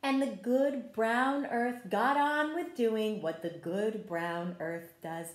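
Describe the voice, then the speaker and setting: This female teacher, whose voice sits on the high side, reads a picture book slowly to young children. She's animated and encouraging and regularly asks her audience questions, all in a roomy, echoing recording.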